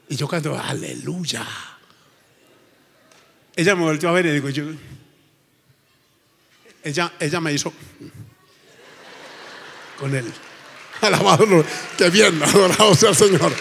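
A male pastor with a rather high, creaky, fairly bright voice preaches an emphatic sermon, frequently breaking into exclamations of praise. The reverberant church hall echoes around him.

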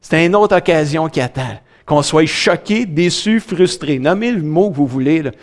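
Middle-aged Québécois male pastor, high voice, lively preacher swinging loud to soft. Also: normal speed. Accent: Québécois French. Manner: fills with "là", talks directly to the congregation. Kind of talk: sermon.

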